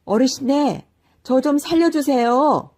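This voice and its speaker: A woman's voice: animated, unhurried, mellow. A woman voicing a lazy young man who has been turned into an ox, speaking in a raised, pleading voice. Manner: high, pleading, panicky exclamations.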